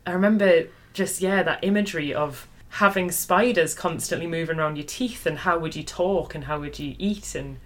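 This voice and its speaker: A woman with a low voice chatting casually about a favorite childhood book. She sounds lively and laughs easily. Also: normal speed, few pauses. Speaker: book podcast co-host. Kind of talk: casual chat.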